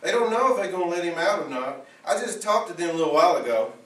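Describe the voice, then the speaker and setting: Young man doing a middle-aged mother, bossy, high voice, roomy far-off recording. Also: animated, fast, fairly bright tone. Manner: scolding, motherly drawl. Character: fussing Southern mother Rose, middle-aged, bossy but loving. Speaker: student actor. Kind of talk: amateur school play acting.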